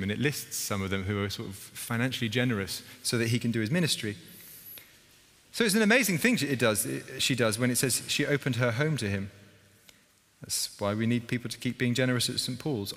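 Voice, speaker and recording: A man's voice: mid-range voice, a bit bright. Man, preacher, sermon, chatty, asks the congregation questions, long church reverb. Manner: conversational, asks the congregation questions, acts out scenes.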